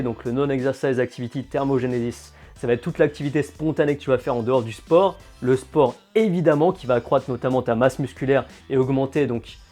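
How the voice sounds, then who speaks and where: A man, a fitness and nutrition coach, talking straight to the viewer in a casual explainer vlog with lively, direct, sarcastic asides. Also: mid-range voice.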